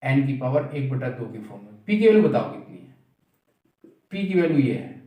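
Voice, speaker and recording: A man's voice: mid-range voice, big pitch swings, moderate pace, warm tone. A man teaching maths in a classroom lecture. He asks the class questions, answers them himself, and repeats the key steps. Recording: very echoey room, mic far off.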